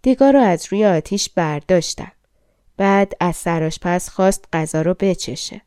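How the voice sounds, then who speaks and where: A woman narrating a fairy-tale audiobook in a calm, colloquial storytelling manner, close to the mic. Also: on the low side, clear, resonant tone, dry recording.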